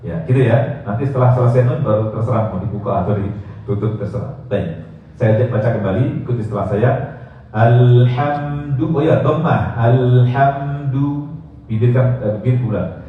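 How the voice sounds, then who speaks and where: A man teaching a tajwid lesson, chanting verses slowly and explaining with light jokes, recorded in a mosque hall. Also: fairly low pitch, a little hiss or hum. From Indonesia. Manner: slow drawn-out chanting of verses between quick joking explanations. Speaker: Quran recitation teacher. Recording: echoey hall, distant, phone-like sound.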